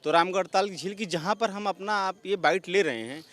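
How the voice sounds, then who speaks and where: A man in a street interview arguing forcefully against the government with rhetorical questions. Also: high voice, brisk. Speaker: interviewee, opposition supporter. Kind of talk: argumentative opinion.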